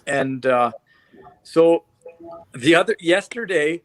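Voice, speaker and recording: A man's voice: on the high side, lively intonation, slow. A man hosting a podcast, telling a story in casual chat and laughing often. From Canada. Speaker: podcast host.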